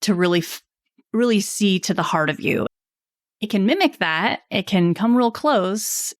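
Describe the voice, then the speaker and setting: A woman copywriter talking as a podcast guest, reflective and laughing softly between thoughts. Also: mid-range voice, lively intonation, unhurried, no echo, clean studio sound. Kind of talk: casual interview chat. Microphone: video call.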